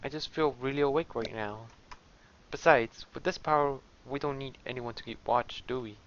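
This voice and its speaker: A man voicing a calm, guarded adventurer, reading game dialogue in a quiet, measured way. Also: mid-range voice, a little hiss or hum, lightly acted. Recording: slightly muffled lo-fi sound.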